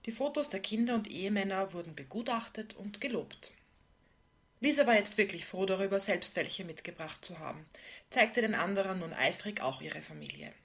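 A woman reading aloud from a novel in a calm, measured way, often trailing off softly at the end of phrases. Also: mid-range voice. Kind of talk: literary reading.

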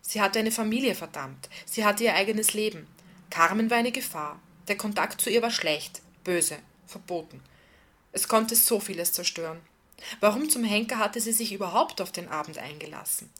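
Woman narrator, calm intimate read, mid-pitched. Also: normal speed. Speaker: audiobook narrator. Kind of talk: scripted narration.

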